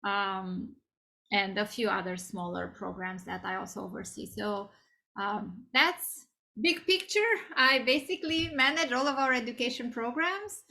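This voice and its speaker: Interview guest: woman, 40s, high bright voice, chatty with many ums. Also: unhurried, creaky. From Romania. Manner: conversational, many fillers and restarts. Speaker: guest speaker. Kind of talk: career interview.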